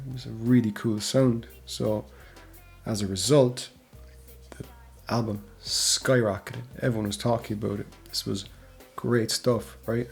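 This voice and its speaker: Speaking with a medium pitch, vocal fry and a somewhat dark tone, a man hosts a music history show. His narration of a band's story stays casual and chatty, and he keeps adding "right?" as he goes.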